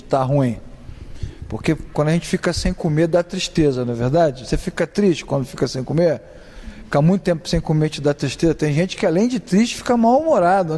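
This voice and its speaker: A man's voice: on the high side, warm tone, long reverb tail. A man teaching a Bible study class in a conversational way, questioning his students and acting out everyday examples.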